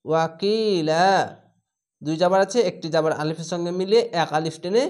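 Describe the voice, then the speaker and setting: A man teaching Quran reading, patiently spelling out Arabic syllables and reciting words in a slow, drawn-out way. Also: sits high, a little mellow. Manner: patient, instructive.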